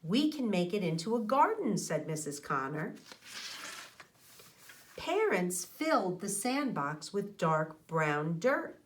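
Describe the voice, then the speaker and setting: A middle-aged elementary teacher reads aloud and talks directly to young children with plenty of expression. Her pitch is fairly low and she goes slowly, speaking indoors close to a boom-arm microphone near her mouth.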